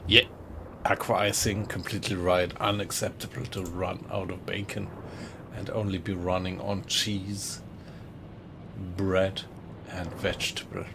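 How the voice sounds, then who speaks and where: A man's voice: low-pitched, a little slow, background noise. A man with a German accent, casually commentating a live game stream and chatting with viewers. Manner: relaxed, chatty, greets viewers in chat.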